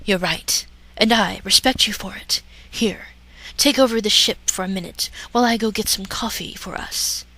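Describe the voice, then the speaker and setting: A woman's voice: medium pitch, measured pace, gravelly, pushed and bright, no echo, full character voice, poor audio. A woman voicing a smitten male starship captain with hammy, theatrical romancing in a parody story reading. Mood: ardent, courtly.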